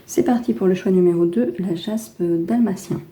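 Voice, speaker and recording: A French woman giving a casual tarot reading, chatty and gentle, with many fillers and restarts. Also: medium pitch, moderate pace. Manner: gentle, reassuring advice. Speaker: tarot card reader.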